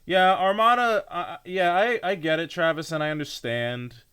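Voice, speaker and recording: A man's voice: sits high, normal speed, bright, forceful tone, clear, resonant tone. A man streaming and reacting to a tournament replay, joking crudely and rambling. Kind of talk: casual profane co-stream commentary.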